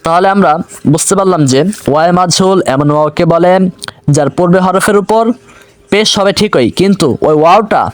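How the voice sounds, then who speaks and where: A man teaching an online grammar lesson, patiently explaining step by step and slowly repeating example words. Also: high voice, no echo.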